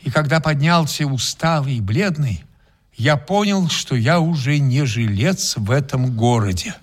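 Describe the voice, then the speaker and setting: A man with an expressive mid-range voice narrates a story in the first person, a little slowly, and voices its hero himself. His delivery is dry, ironic and composed, like an acted radio reading.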